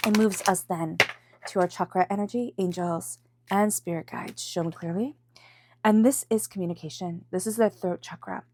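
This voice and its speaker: A woman's fairly low, mellow voice moves at a moderate pace with slight background noise behind it. She's a tarot reader with a head cold, sounding congested while giving viewers an intuitive reading and repeating phrases for emphasis.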